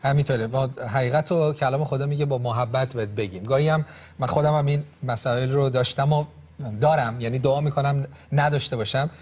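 Emphatic husky-voiced pastor. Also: male voice, medium pitch, fairly even intonation, a little mellow. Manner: emphatic, preaching rises. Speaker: pastor and host.

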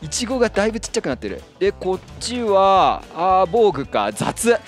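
Male game streamer, lively up-and-down delivery, excitable, yelps when startled, faint music underneath. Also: high voice, brisk. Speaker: Minecraft let's-play host. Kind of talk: casual gameplay commentary.

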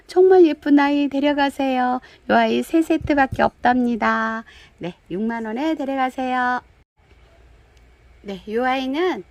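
A woman with a slightly high voice gushes over handmade flowerpots one by one. She chats along as she reads out sizes and prices, sounding thrilled with each pot. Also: darkish tone. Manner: gushing, chatty, calls pots "kids". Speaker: pottery shop seller. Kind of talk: product showcase video. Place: indoors, dim room with lights off.

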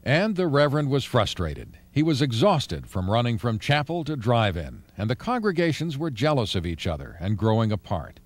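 A man giving scripted documentary narration in a measured storytelling delivery. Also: medium pitch, very animated, no echo.

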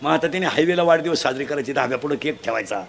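A man preaching a comic devotional sermon, loud and joking, quizzing the audience with blunt, earthy village humour. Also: a little high, very fast, vocal fry, a little hiss or hum. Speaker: kirtan preacher.

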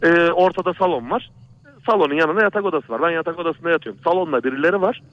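A man's voice: fairly high pitch, very fast. A man calling in to a radio show, telling a true horror story in a rambling, repetitive way that keeps circling back to "he said" and "brother". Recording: dull lo-fi radio broadcast.

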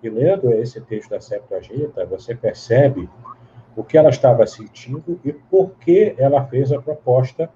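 A man's voice: mid-range voice, expressive, normal speed, warm tone. A man, explaining at length as an interview guest, in a teacherly way with many tag questions and restarts. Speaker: guest Bible scholar. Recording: dull lo-fi sound with faint hiss.

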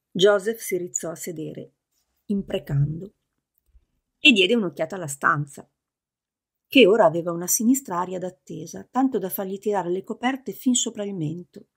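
A woman narrating a novel as an audiobook in a steady, measured reading. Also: fairly low pitch, vocal fry, husky.

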